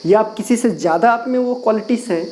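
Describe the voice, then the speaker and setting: Speaking fast in a high, slightly mellow voice, a man explains English grammar to his class in Hindi. He writes and erases on a board, asks questions, and keeps repeating the key terms; the recording quality is low.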